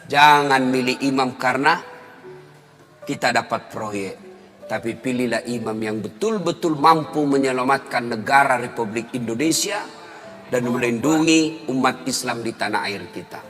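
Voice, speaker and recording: A male preacher telling funny stories in a sermon, animated and jumping to high shouts at the punchlines. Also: moderate pace. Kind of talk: humorous sermon storytelling. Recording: long hall reverb, faint music.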